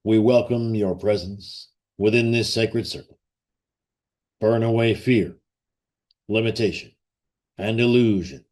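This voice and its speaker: In a fairly low, darkish voice, a man conducts a ceremonial meditation, speaking short phrases very slowly with long gaps in between. The tone is solemn and reverent, like a formal invocation.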